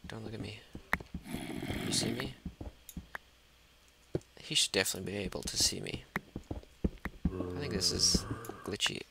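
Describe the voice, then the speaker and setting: A man's voice: sits low, steady tone, a little slow, creaky, pauses often, heavy background noise. A man doing gameplay commentary, talking to himself and the monsters and dropping to a whisper when scared. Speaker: let's play host. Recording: loud mouse clicking over the voice.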